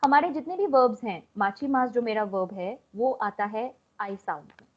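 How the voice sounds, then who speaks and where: A woman's voice: fairly high pitch, animated, moderate pace, a little hiss or hum. A young woman with an Indian accent teaching an online language class, mixing Hindi and English and coaxing students to answer. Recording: dull lo-fi online call audio.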